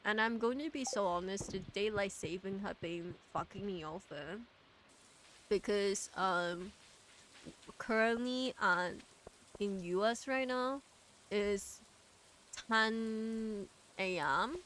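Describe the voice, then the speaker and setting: A woman's voice: medium pitch, slow, long pauses, fairly bright tone, a little hiss or hum. A woman chatting casually on a game livestream as the streamer, rambling with lots of fillers, trailing off and restarting as she talks to chat.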